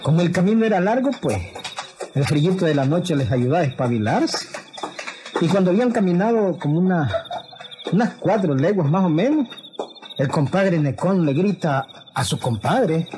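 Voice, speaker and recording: A man's voice: high voice, lively intonation, normal speed, warm tone, a little hiss or hum. A man narrating a folksy tale in a chatty way, talking to a listener.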